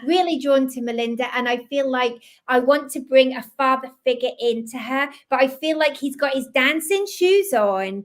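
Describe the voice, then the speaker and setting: A woman with a slight Scottish accent giving fast, gentle, reassuring psychic readings on a live video stream. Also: high-pitched. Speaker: psychic medium. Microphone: video call.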